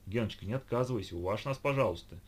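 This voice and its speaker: A man's voice: medium pitch, fast talker, natural voice. A man reading a storybook, voicing a teasing, bossy young woman who mocks the others. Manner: mocking, bossy.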